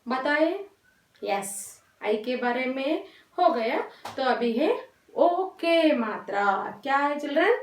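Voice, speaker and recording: A woman teacher, slowly and patiently explaining vowel signs to young children, often repeating herself and mixing English words into her Hindi. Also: high voice, lively intonation. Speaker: primary school teacher. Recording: roomy echo, voice from a distance.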